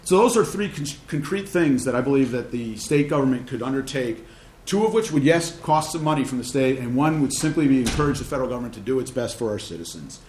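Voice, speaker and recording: A man testifying as a county representative before a committee, speaking in a rapid, urgent way with restarts. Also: mid-range voice, lively intonation, a little mellow, slight background noise. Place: hearing room. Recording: roomy hearing room echo.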